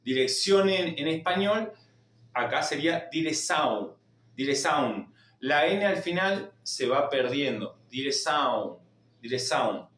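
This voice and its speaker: Argentine male teacher, higher voice, slow patient delivery, drills words over and over. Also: expressive, fairly bright tone, reverberant, recorded from a distance. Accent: Argentine Spanish. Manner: repeats each word slowly, drilling pronunciation. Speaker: language teacher. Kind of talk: slow spoken lesson.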